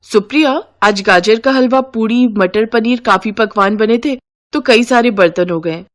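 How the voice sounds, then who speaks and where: Brief: woman playing a young bride, high and exasperated, comic short. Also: measured pace, no echo, clean studio sound, lightly acted. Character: young new bride, shivering and fed-up.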